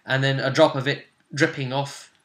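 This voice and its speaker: Narrating casually as game master at a tabletop session, this man has a bright, forward, mid-range voice with fairly even intonation. He stops now and then to find his words and repeats phrases for emphasis.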